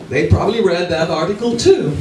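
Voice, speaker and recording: A woman from Israel with an Israeli accent doing a stand-up set in a small lounge, wry and laughing at her own lines. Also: lowish voice. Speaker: stand-up comic. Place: small lounge comedy club. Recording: echoey club, taped from far off with hiss.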